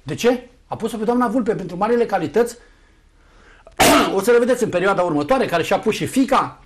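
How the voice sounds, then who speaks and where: A man's voice: high voice, expressive, noisy background. A middle-aged man, a guest on a political talk show, arguing combatively and sarcastically, calling out his opponents directly.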